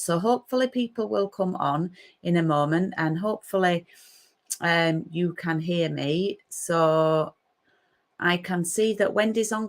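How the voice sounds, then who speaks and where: On a laid-back craft live stream from her home craft room, a middle-aged woman with a Yorkshire accent greets viewers by name. She's from Yorkshire, England, and her voice sits lowish.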